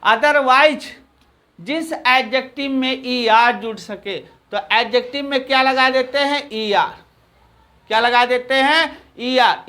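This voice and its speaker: A man with a Hindi accent teaches English grammar in a very high, bright, forceful voice. He repeats phrases slowly and answers his own questions.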